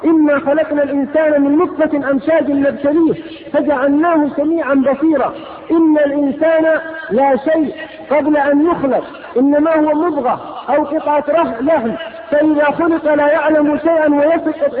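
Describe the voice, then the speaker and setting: Fiery high-pitched preacher. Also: male voice, fairly even intonation, a little fast, a faint crowd, a little hiss or hum. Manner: impassioned, rhetorical, scolding. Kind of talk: fiery sermon. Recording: lo-fi phone-like sound, long hall reverb.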